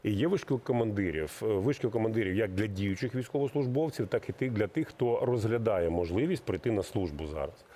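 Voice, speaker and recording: Low, dark-voiced man explaining at length. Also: animated, a little hiss or hum. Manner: measured, explanatory, with frequent hesitation sounds. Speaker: military recruiting official. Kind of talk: interview answers.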